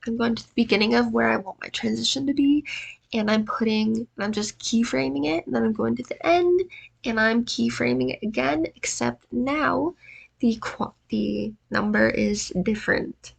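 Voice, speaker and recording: Narrating a video editing tutorial at normal speed, this woman has a slightly high, creaky voice. She sounds exhausted and congested from allergies, and her tone is casual and self-deprecating.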